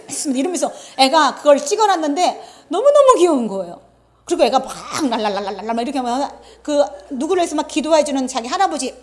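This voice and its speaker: High-pitched middle-aged lady pastor preaching, earnest, chatty, acts out the quotes. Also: darkish tone. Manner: earnest, storytelling with acted-out quotes. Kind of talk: sermon.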